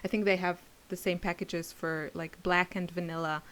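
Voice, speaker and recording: A woman crafter who also teaches classes chats to camera in a giggly, rambling, casual way. She speaks at normal speed in a steady, lowish voice with a fairly bright tone.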